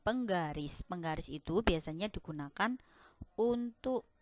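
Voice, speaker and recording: A woman's voice: fairly low pitch, expressive, no room sound. Patient woman teaching children. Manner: patient, explaining slowly to children. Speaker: primary school teacher. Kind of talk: online class lesson.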